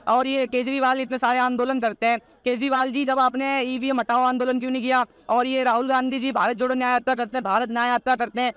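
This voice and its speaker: A man's voice: very high-pitched, fairly bright tone, smooth, dry recording. A teenage boy giving political opinions in a street interview, rattling them off all in one breath in a combative, insistent way, with repeated points and rhetorical challenges. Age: teenager, not yet of voting age.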